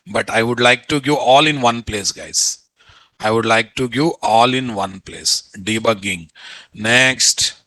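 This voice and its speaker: A man's voice: mid-range voice, sharp tone, no echo, poor audio. A middle-aged man with a Telugu Indian accent teaches an informal online class bluntly, repeating phrases and asking rhetorical questions. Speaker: software instructor. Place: indoor room, online video call.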